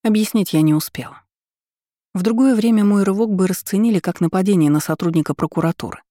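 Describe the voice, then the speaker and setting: A woman's voice: medium pitch, quick pace, dark tone, no room sound, clean studio sound. A woman reading a novel aloud in the first person, with a wry, ironic storytelling manner. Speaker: audiobook narrator.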